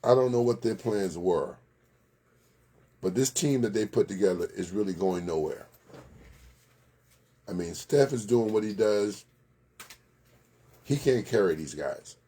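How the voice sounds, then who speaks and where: A man's voice: fairly low pitch, expressive, measured pace, pauses often, dark tone, husky. A man hosting a local sports recap, chatting casually, giving blunt opinions and greeting viewers by name. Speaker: sports show host. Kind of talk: casual live sports commentary.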